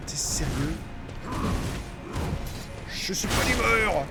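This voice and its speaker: A man's voice: high-pitched, expressive, drawn-out words, over loud music. A man commenting casually on his own gameplay, sarcastic and joking, talking to himself and the enemies on screen. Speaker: gamer playing through a game. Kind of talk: casual let's-play commentary.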